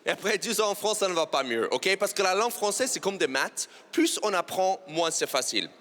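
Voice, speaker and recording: A man with an American accent performs playful stand-up in French, mocking himself with timed punchlines. His voice sits high and swings widely in pitch. He is a native English speaker from New York. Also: sing-song, fairly quick, a bit bright. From New York, USA. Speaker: comedian guest. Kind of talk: stand-up comedy routine. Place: TV studio.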